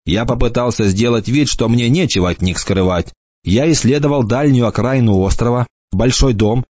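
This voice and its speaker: A man reading an audiobook in a lively storytelling manner. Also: medium pitch, moderate pace, no room sound. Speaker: audiobook narrator. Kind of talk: scripted narration. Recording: dull lo-fi dry recording.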